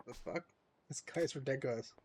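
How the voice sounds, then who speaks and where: A man's voice: mid-range voice, brisk, a little mellow, a little hiss or hum. A man giving casual let's play commentary as a streamer, chatty and full of fillers, often tripping over his words.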